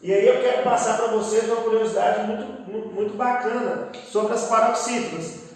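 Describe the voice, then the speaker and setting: Man, grammar teacher, high voice, encouraging, distant mic in a long-reverb room. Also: moderate pace. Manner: lively and encouraging, often checks in with listeners. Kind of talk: grammar lesson.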